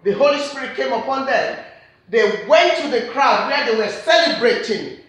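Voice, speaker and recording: A woman with a Nigerian accent preaches a sermon in a church, her voice a little high and fairly bright, with lively intonation at a moderate pace. She earnestly repeats her key points with emphatic phrasing. The recording carries the heavy echo of a church hall.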